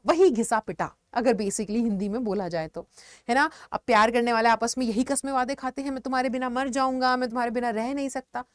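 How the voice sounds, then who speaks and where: A woman teacher explaining vocabulary in an online lesson, mixing Hindi with words and giving lively examples. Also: high-pitched, no room sound, clean studio sound. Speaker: English teacher.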